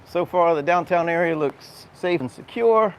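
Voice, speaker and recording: This walking-tour host has a smooth, slightly high voice and speaks at a normal speed. Recorded outdoors amid street noise and city sounds, he chats and explains as he points out sights along the way.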